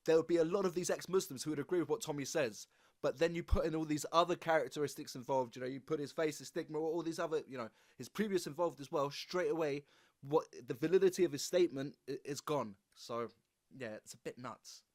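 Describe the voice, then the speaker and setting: A man's voice: fairly high pitch, quick pace. A man hosting a podcast interview, thinking aloud in loose, reflective phrases. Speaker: podcast host. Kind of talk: conversational interview.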